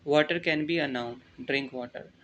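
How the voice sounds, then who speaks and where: A young Indian man teaching an exam-prep lesson, reading English definitions slowly, then explaining them in Hindi. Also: on the high side, fairly bright tone, muffled recording, slight background noise.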